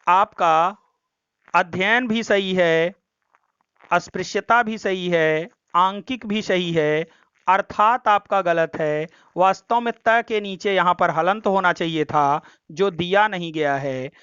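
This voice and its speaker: A man's voice: high voice, a bit bright, clean tone, no room sound. A man teaching Hindi grammar in an exam practice lesson, going through each option step by step and repeating the corrections. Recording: dry, dull lo-fi sound.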